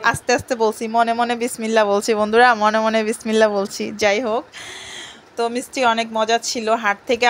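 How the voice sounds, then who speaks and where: In her home vlog, a woman from Bangladesh sorts groceries and chats with her viewers like friends. Her voice is a little high and a bit bright.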